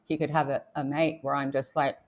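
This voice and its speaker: A woman's voice: extremely low pitch, level tone, brisk. A middle-aged woman with a Canadian accent and a slight Australian twang, chatting easily as an interview guest with frequent fillers and laughs. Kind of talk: casual interview chat.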